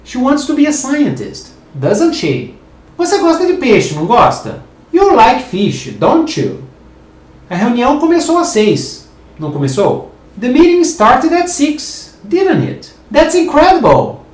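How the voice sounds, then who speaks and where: A Brazilian man teaching an English lesson on video, upbeat and clear, switching into English for example sentences. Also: very high voice, slow pace. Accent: Brazilian Portuguese. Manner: upbeat, lively teacher with animated intonation. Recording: roomy echo.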